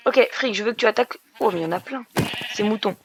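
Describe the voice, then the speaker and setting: A woman's voice: mid-range voice, quick pace, slightly rough. A young woman commenting on her Minecraft game in a chatty way, explaining as she plays, with many fillers and restarts. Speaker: gaming YouTuber. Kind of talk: Minecraft let's play commentary.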